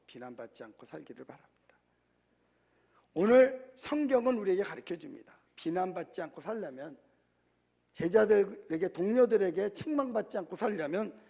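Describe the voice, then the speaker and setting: Gravelly high-voiced Korean pastor preaching. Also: male voice, a little mellow. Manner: conversational preaching with rhetorical questions to the congregation. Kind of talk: sermon.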